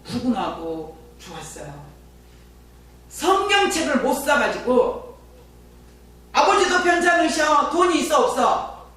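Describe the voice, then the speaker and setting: A woman's voice: sits high, slow pace, pauses often, recorded from a distance. A woman pastor giving a sermon with personal testimony, telling stories and chatting with the congregation. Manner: lively storyteller who chats with the congregation. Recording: very echoey church from afar, faint hum.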